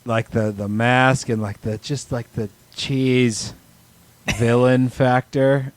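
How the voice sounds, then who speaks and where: Laid-back man with a smooth voice. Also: medium pitch, little pitch movement, slow pace, no room sound. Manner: laid-back, laughs often, says "dude". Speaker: podcast co-host. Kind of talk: casual chat. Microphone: studio microphone.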